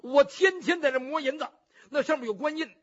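A male storyteller voicing a brash, boisterous young warrior who shouts and blusters. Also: very high-pitched, fairly quick, pitched above the performer's own voice. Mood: boastful. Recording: muffled lo-fi recording.

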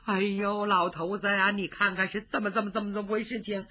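A woman's voice: medium pitch, flat delivery, pushed and bright, slightly rough. A woman doing a wailing old noblewoman. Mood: anxious. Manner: wailing, drawn-out pleading. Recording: dull lo-fi recording.

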